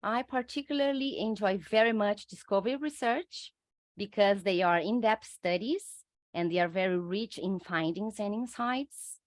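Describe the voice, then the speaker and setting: A middle-aged Brazilian woman, a UX researcher and native Portuguese speaker, answers interview questions in English with a Brazilian accent. She is careful and measured, hesitating often, in a mid-range voice with no room sound.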